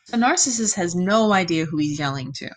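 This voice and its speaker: With a lowish voice and a slightly quick pace, a woman teaches a recorded lesson. She reads a myth and explains it piece by piece, keeps checking on her students, and brings the quoted lines to life with an animated delivery.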